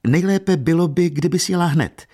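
A man reading an audiobook, voicing a proud, brisk aristocratic older lady who speaks imperiously and emphatically. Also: a little high, warm tone, pitched above the performer's own voice, lightly acted. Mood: insistent. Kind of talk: audiobook character voice.

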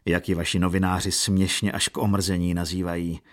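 A man reading a mocking, cool-toned officer's lines slowly in a storybook. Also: sits low, little pitch movement, lightly acted. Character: sneering Viennese lieutenant, cool and mocking.

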